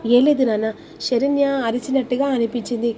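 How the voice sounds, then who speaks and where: A woman voicing an older mother-in-law who asks questions slowly and is suspicious but easily reassured. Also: fairly high pitch, steady tone, dark tone, slight background noise, close to an everyday voice.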